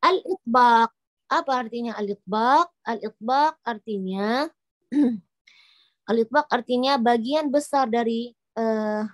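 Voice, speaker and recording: A woman teaching Arabic letter pronunciation, explaining patiently, repeating each point and demonstrating the sounds. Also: on the high side. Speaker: Quran recitation teacher.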